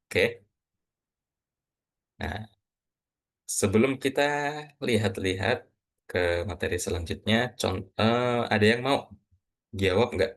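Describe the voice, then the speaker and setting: Patient low-voiced Quran reading teacher. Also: male voice, vocal fry. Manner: patient, asks students questions, models recitation slowly. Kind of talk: online class teaching.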